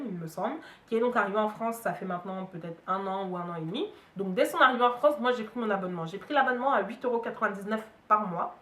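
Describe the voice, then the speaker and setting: A young Cameroonian woman, a beauty and hair vlogger, casually reviews streaming services to camera in a medium-pitched, slightly bright voice. Her chat is packed with fillers and asides, and the recording has a roomy echo with the mic somewhat distant.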